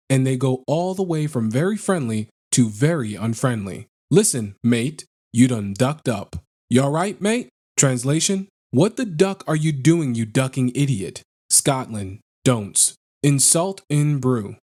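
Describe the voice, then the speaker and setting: A man narrating online posts in a flat, list-like read-aloud delivery, as a scripted narration. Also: a little high.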